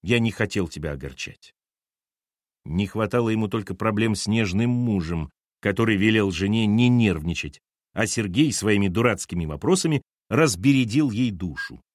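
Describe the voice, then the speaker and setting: A man reading a novel aloud as an audiobook narrator, with expressive delivery. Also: fairly low pitch, moderate pace, no room sound, clean studio sound. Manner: expressive, lively intonation.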